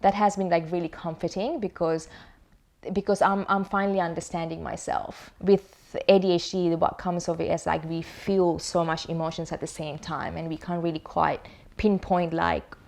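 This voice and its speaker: A woman's voice: lowish voice, flat delivery, normal speed, vocal fry, a little mellow. A young woman from Sri Lanka speaking casually about her own experience, full of fillers and restarts. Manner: rambling, many fillers and restarts. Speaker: interviewee sharing lived experience. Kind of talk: casual testimonial.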